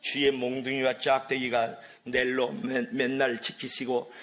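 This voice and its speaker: A man's voice: medium pitch, completely flat delivery, measured pace, a bit bright, natural voice. A man voicing a psalm recital in a Gyeongsang dialect, blunt and coarse. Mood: gruff.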